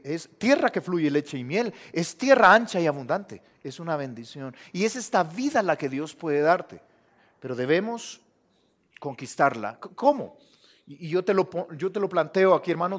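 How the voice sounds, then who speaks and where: A male pastor preaching a sermon in a conversational way, often speaking to the listener as "brother". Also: high voice.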